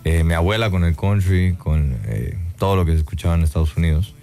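A Guatemalan singer chats in a casual interview, his deep, mellow voice going fairly quickly with faint music behind. He's reflective, peppering his speech with "eh" fillers and the tag "¿no?".

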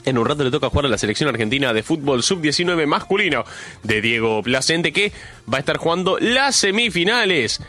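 In a radio studio, a male host with a Rioplatense Spanish accent opens his show with a chatty monologue, congested from a cold. His voice is fairly high, bright, and forceful, very animated and a little fast, and he draws out words for emphasis.

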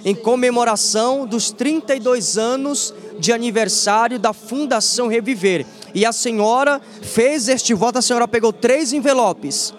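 High-pitched male host of a religious radio show; fervent interviewer. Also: moderate pace, hardly any pauses. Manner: fervent, prompting the guest.

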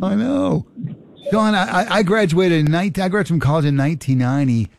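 Hosting a call-in show in a radio studio, this man in his late fifties rambles, restarts often, and teases his callers. He talks quickly in a high-pitched, expressive voice with vocal fry, recorded on a studio mic with a crowd audible behind him.

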